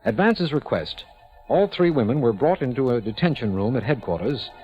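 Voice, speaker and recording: Authoritative district attorney, mid-pitched voice, formal delivery, 1940s radio drama, dull AM recording. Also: male voice, lively intonation, normal speed, slightly rough, soft background music. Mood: grave narration. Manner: formal, declarative. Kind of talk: 1940s radio detective drama acting and narration.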